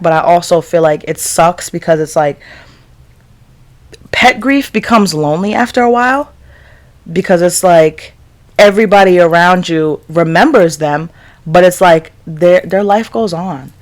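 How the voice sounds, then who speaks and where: A young podcast host, telling stories in a casual, excitable way, swearing freely and filling with "like". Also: mid-range voice. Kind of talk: casual solo storytelling.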